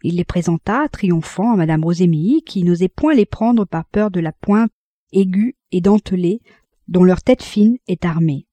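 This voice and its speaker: Warm-voiced woman reading a novel. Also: on the low side, no room sound. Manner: expressive, measured reading. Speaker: audiobook reader. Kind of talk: literary audiobook narration.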